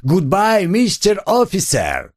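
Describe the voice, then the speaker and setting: A man's voice: high-pitched, huge pitch swings, slow, pitched above the performer's own voice, full character voice. A man voicing a timid, fussy, plump older American man who pleads in a raised, anxious voice. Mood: relieved.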